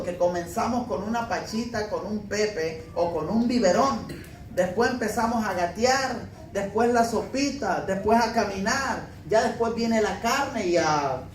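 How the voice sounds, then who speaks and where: Emphatic male pastor in an echoey hall. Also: high-pitched. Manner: emphatic preaching mixed with homey humor and anecdotes. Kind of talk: sermon. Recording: echoey room, mic at a distance, faint background noise.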